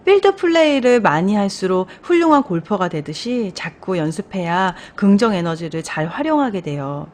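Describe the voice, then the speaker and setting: A woman voicing a wise, upbeat woman bus driver who gives earnest, encouraging advice in a storybook reading, a bit louder than her narration. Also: mid-range voice, very animated, normal speed, few pauses, natural voice.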